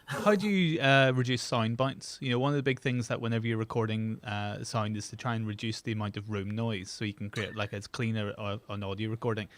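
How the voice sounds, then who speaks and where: A man's voice: fairly low pitch, steady tone, brisk. A man co-hosting a casual video-call chat, rambling and playful, often restarting his sentences. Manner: rambling, self-interrupting, playful. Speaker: co-host.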